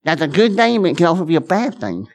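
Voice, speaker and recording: An earnest man preaches to his church in a conversational way. He circles back over his words, restarting and repeating phrases. Quick, offhand asides give way to slow, weighty lines. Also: on the high side, big pitch swings. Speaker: pastor. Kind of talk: conversational sermon.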